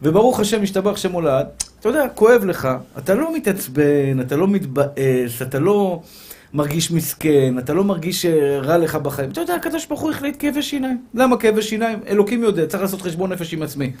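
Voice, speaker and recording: High-voiced man preaching a lively sermon. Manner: animated, acts out little scenes and voices; rhetorical questions, repeats key phrases. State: slightly slurred speech after tooth extractions. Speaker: rabbi.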